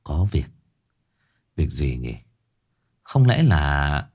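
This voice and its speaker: A man voicing a troubled young man haunted by ghosts, muttering low and worried. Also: expressive, moderate pace.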